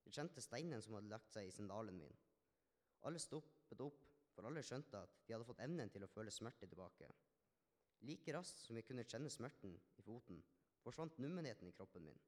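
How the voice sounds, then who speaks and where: A man's voice: fairly low pitch, big pitch swings. A man playing a healed Samaritan leper man, telling his story in an earnest, reflective first-person monologue with small restarts. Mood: somber. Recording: long hall reverb.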